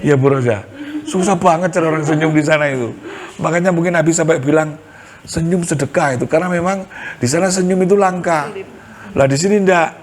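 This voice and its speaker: A middle-aged man with a Javanese accent gives a sermon to a women's group, his voice a bit higher than most men's. He tells stories with humor and acts out the dialogue. A faint hiss sits under the recording. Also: fairly quick. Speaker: Islamic preacher.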